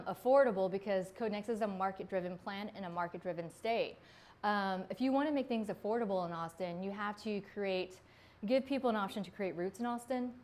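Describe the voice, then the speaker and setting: A woman's voice: medium pitch, darkish tone. Woman from vietnam, forties, running for council, earnest talky style, lots of ums. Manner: earnest, conversational, with frequent ums. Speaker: city council candidate. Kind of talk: candidate interview.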